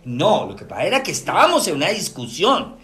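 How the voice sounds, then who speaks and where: A middle-aged man with a Colombian accent giving a lively talk to an audience, often checking in with rhetorical questions. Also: a little high, fairly quick. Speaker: lecturer.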